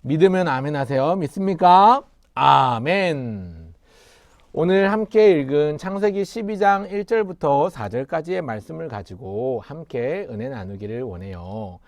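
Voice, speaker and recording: A man's voice: a little high, lively intonation, normal speed, hardly any pauses, a little mellow, dry recording, clean studio sound. A man preaching to young children in a sermon, leading call-and-response and asking them questions. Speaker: pastor.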